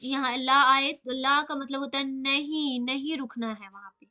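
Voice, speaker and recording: A woman teaching Quran recitation rules in a live online class, patiently repeating and slowly drawing out example words. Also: high-pitched, fairly even intonation, sharp tone, highs cut off.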